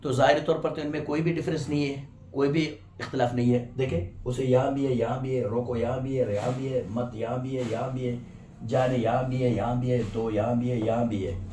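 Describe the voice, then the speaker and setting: A male teacher walks through a grammar lesson at a patient pace, stopping again and again to check that his students follow. His voice sits at a middle pitch. The recording has a noticeable room echo. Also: steady tone, a little fast, dark tone, slight background noise. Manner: explains patiently, often checks with "right?". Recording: roomy echo.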